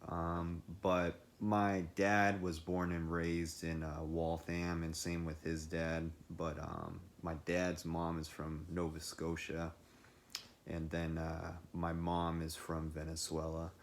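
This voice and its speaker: Low-voiced young man, easygoing. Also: completely flat delivery, takes it slowly, slight background noise. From Massachusetts. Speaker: call partner. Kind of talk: casual phone chat. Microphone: phone.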